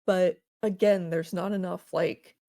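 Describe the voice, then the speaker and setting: A woman co-hosting a casual gaming podcast, talking in a wry, skeptical, steady way. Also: fairly low pitch, measured pace. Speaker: podcast co-host.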